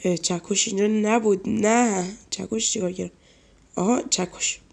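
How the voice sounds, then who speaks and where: A man's voice: sits high, fairly even intonation, vocal fry. A man with a cold giving chatty let's-play commentary, nasal, talking to viewers and scolding the game's characters. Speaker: gaming YouTuber.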